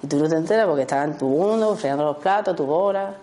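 Lively Spanish woman teaching a group. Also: low voice, fast talker. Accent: Spanish from Spain. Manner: lively, often checks in with "¿vale?" and acts out short dialogues. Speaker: workshop teacher. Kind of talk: talk to a small group.

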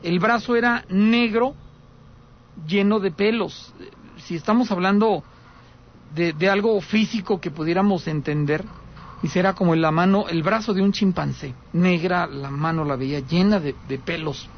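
A man with a noticeably high voice hosts a call-in radio show. He tells an eerie story as a drama, repeats the key points and talks straight to his listeners. The audio is dull and lo-fi, with a faint hiss of noise underneath. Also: moderate pace. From Aguascalientes, Mexico. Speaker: radio host taking calls. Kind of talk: telling a paranormal story on radio.

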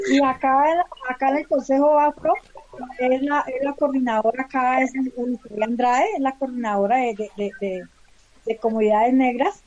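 High-voiced Colombian woman from Valle del Cauca. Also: a little mellow. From Palmira, Valle del Cauca, Colombia. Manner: halting, repeats words and self-corrects often. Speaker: community leader, interview guest. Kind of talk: casual conversational interview. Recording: dull lo-fi remote call.

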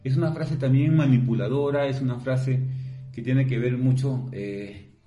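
A man's voice: medium pitch, steady tone, normal speed, mellow, roomy sound, dull audio. A man with a Peruvian Spanish accent, a psychologist giving a conversational monologue for a video column, often ending phrases with a questioning tag. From Peru.

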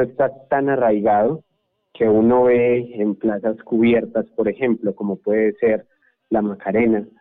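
A Colombian man with a Colombian Spanish accent, explaining his point in a measured way during a radio panel discussion. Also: fairly low pitch. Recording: phone-like radio line.

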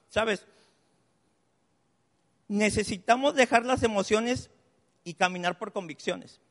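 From a church pulpit, a pastor with a very high-pitched, fairly bright voice gives a chatty sermon, weaving in personal stories and casual asides. Long reverb from the church hall fills the recording.

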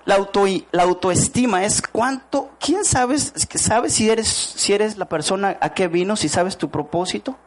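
Man, motivational speaker, slightly high voice, rhetorical questions. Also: measured pace, hardly any pauses. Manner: rhetorical questions to the audience, acts out quoted voices. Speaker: network marketing speaker. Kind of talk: motivational talk to a live audience.

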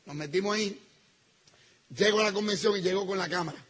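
A man telling an audience a personal story, acting out the dialogue and swinging between loud outbursts and hushed asides. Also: high-pitched, fast talker, husky. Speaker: speaker telling his business story to an audience.

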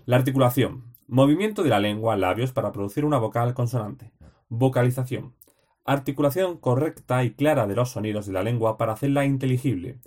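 A man's voice: mid-range voice, brisk, a little mellow. A man reading study notes aloud for a teaching exam, in terse, list-like phrases with short headings.

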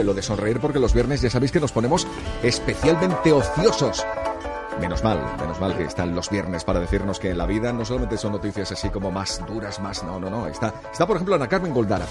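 Fast, joking radio host with low voice. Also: male voice. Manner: jokey, teasing, quick to react. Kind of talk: casual chat. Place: radio studio.

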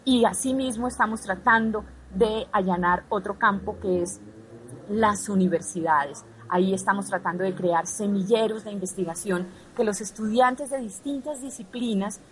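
A Colombian woman with a mid-range voice, recorded roughly, answers interview questions as a representative of a radio archive. She explains things didactically, setting out her points one at a time.

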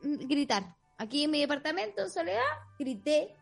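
A young adult woman with a Chilean accent, co-hosting a casual podcast chat from her apartment in a chatty, expressive way. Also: high-pitched, moderate pace, vocal fry, soft background music. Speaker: podcast co-host. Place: home apartment.

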